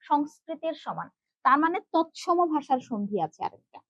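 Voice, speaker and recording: A woman's voice: high-pitched, lively intonation, moderate pace, fairly bright tone, no room sound, dull audio. A young woman teaching an online grammar lesson with a Bangladeshi Bengali accent. She explains step by step and keeps checking that students follow. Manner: explains step by step, often checks with "ঠিক আছে?". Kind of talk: online class lecture.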